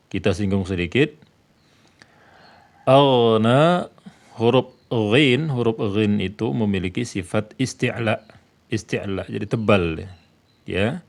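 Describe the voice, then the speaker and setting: A man's voice: fairly low pitch, slow, vocal fry, pauses often. A man teaching a tajwid lesson, patiently repeating each point and posing and answering his own questions. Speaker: Quran recitation teacher.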